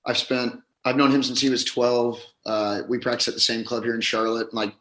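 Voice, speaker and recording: Male, voice a little gone, hoarse, casual interview chat, pro golfer guest, echoey room. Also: medium pitch, level tone, normal speed, a bit bright. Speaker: professional golfer, podcast guest.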